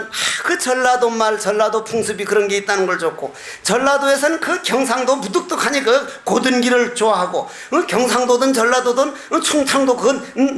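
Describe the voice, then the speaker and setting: A man's voice: very high-pitched, fairly bright tone, echoey room. A man, a Buddhist monk, giving a dharma talk in a folksy, humorous way, chuckling and drawing out chanted phrases. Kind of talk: sermon.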